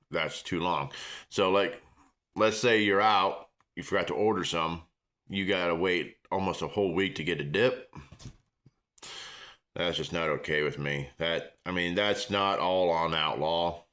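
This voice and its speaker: Casual American male reviewer, low register, rambling small-town chat. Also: steady tone, a little slow, a bit bright. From small-town United States. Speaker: product reviewer.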